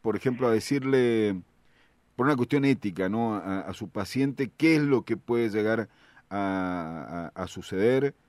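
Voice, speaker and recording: Hesitant radio host, low voice. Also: male voice, animated, a little slow, a little mellow, no room sound. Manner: hesitant, many restarts and fillers. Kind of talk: radio interview. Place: radio studio.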